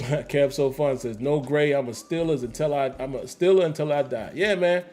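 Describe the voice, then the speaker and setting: A man's voice: a little high, normal speed, darkish tone, soft background music. Emphatic man reading live chat. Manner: emphatic, repeats phrases, slangy. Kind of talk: casual livestream commentary.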